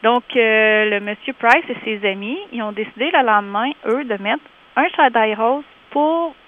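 A woman with a Québécois French accent calling in to a radio show for a community group, talking in a lively way with many hesitations. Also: fairly high pitch, moderate pace, a little hiss or hum. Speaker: community organization representative. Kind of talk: casual radio interview by phone. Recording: tinny phone line.

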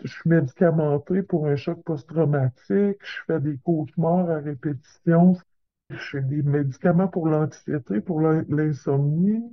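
A woman's voice: low voice, a little slow, lo-fi sound. A woman with a Québécois accent speaking through a voice changer that hides her identity, talking in a direct, indignant way in a recorded news interview clip. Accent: Québécois French. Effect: voice altered by a voice changer for anonymity. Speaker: crime victim giving testimony.

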